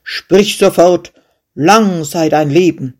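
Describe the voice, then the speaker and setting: A storyteller voicing a proud, angry king in a fairy tale, who shouts his commands. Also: medium pitch, slow, lightly acted. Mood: furious. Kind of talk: storybook character voice.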